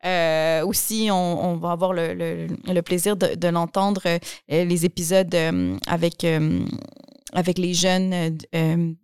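A woman's voice: on the low side, a little slow, darkish tone, clean tone, no room sound, clean studio sound. A woman with a Québécois French accent, hosting a podcast and chatting casually, with many restarts and fillers. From Quebec. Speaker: podcast host. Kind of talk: casual conversation.

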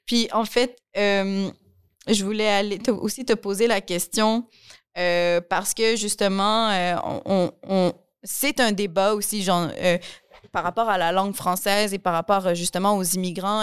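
A woman with a Québécois French accent talks casually as a podcast host, stumbling over restarts and fillers as her thoughts run on. Her voice is smooth and clear. The sound is close and dry. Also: medium pitch, no echo. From Quebec. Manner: chatty, many restarts and fillers. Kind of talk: casual conversation.

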